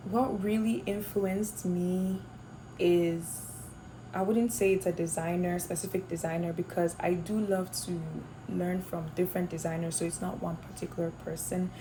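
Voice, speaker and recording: Young woman from Ghana, low-pitched. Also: fairly even intonation, normal speed, background noise. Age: young adult. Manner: thoughtful, with fillers and restarts. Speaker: fashion design student. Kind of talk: interview answers to camera.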